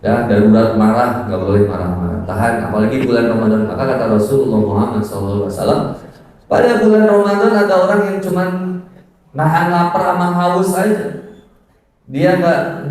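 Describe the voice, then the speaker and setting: A man preaching a humorous sermon in a mosque, joking with the crowd, acting out quarrels in sudden high voices and chanting Arabic verses slowly. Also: darkish tone. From West Java. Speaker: Islamic preacher. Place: mosque hall. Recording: very echoey mosque hall.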